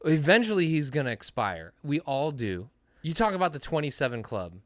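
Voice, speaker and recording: A man's voice: on the high side, sing-song, fairly quick, fairly bright tone, no echo, studio quality. A man co-hosting a casual podcast, talking bluntly and with emphasis, swearing now and then. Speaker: podcast co-host.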